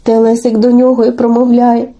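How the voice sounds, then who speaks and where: A woman narrating a folk fairy tale for children in an expressive, sing-song storytelling manner. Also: a little high, fairly quick.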